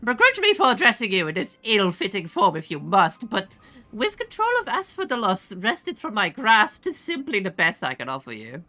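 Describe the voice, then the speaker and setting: A woman's voice: mid-range voice, wildly swooping pitch, normal speed, sharp tone, pitched above the performer's own voice. A woman reading the lines of a bitter, earnest young male mage in a solemn, old-fashioned way. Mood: resentful.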